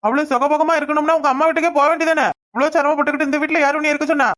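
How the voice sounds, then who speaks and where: Woman doing a cranky cartoon husband, fast and brusque, kinda high for a guy. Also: level tone, fairly bright tone. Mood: irritated, dismissive. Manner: brusque, dismissive, ordering others about. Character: gruff irritable husband, dismissive and blunt. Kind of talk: cartoon voice acting.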